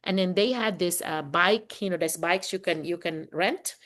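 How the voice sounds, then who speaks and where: A Filipino teacher leading a session chats casually on a video call, telling animated stories and laughing often. Her voice is on the low side, at a moderate pace.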